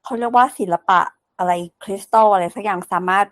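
A woman co-hosting a casual Thai podcast, chatty and quick to laugh as she shares her own experiences. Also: medium pitch. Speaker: podcast co-host. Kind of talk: casual chat.

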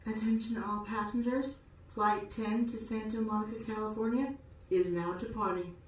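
A woman's voice: fairly high pitch, steady tone, moderate pace. A woman voicing a formal airport gate announcer, heard as a boarding announcement over the intercom. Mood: announcing. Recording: echoey distant intercom with loud music.

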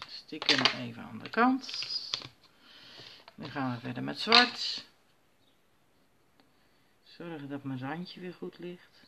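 A woman's voice: deep voice, big pitch swings, takes it slowly, gravelly, pauses often, heavy background noise. A woman at home giving a casual crafting tutorial, chatting herself through each step as she works. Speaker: crafter demonstrating stamping. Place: at home while her children sleep.

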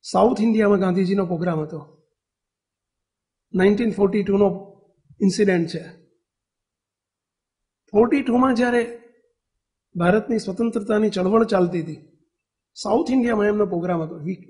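High-voiced Gujarati man preaching. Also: normal speed, pauses often, a little mellow. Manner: storytelling, asks the audience questions. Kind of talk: devotional sermon.

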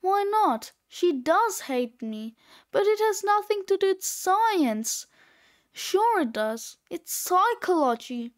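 A woman's voice: very high voice, very animated, slow pace, heavily acted. A woman reading aloud, voicing a cocky, wisecracking sixth-grade boy. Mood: smug. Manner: smug, wisecracking.

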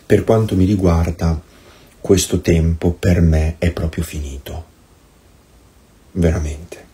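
A man's voice: low voice, steady tone, takes it slowly, warm tone. A man giving a priest's meditation in an impassioned, sarcastic and emphatic way. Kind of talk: recorded meditation, sermon-like.

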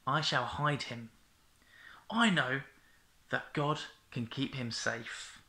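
A man voicing a worried but determined young mother, speaking slowly and earnestly. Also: medium pitch, vocal fry, pushed and bright, heavily acted. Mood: resolute. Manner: slow, earnest. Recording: echoey room.

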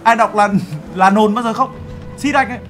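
A man's voice: high-pitched, moderate pace, a bit bright, soft background music, pitched above the performer's own voice. A man role-playing a boastful overseas-company boss in a game, brash and teasing. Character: boastful male overseas-Vietnamese CEO. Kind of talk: game role-play banter.

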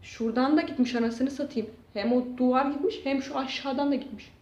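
A woman's voice: high-pitched, a little fast, a little mellow. Exasperated woman venting in an echoey room. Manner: exasperated, swearing, venting about damage. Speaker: YouTuber. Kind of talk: casual vlog talk. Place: damaged room in her house. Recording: dull, echoey room sound.

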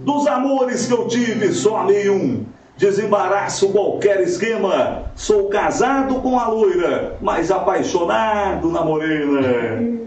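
A man in his thirties calling out rhymed verse as a hyped rodeo announcer with drawn-out calls. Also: high voice, expressive, a little mellow. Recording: roomy, distant mic, faint noise.

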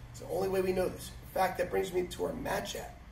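A man's voice: sits high, little pitch movement, quick pace, vocal fry, a little mellow. Emphatic male instructor in echoey gym. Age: middle-aged. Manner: emphatic, repeats key phrases. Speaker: martial arts instructor. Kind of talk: instructional talk to students. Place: large matted martial arts gym, indoors. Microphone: camera several metres away. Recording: echoey hall, distant mic, background noise.

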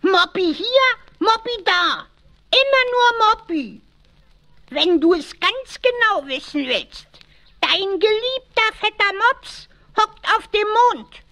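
An actor voicing a cheeky, boastful little kobold with a squeaky voice in a children's audio play. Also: big pitch swings, slow, sharp tone, exaggerated voice. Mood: jealous, sulky. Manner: boastful, exclamatory, refers to himself by name.

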